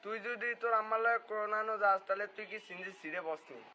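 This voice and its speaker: A man's voice: high voice, quick pace. A man playing a touchy, sulky young friend in a comedy skit, with a Noakhali Bengali accent. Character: touchy young male friend, sulky about being small. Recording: muffled lo-fi, loud music.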